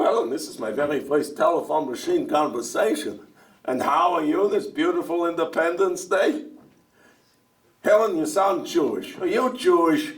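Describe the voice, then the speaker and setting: In a one-man stage show, an actor plays a talkative older dairyman just arrived from Russia. His fairly high voice jumps up and down as he jokes, stammers and throws questions back, sounding distant, as though heard across a theater.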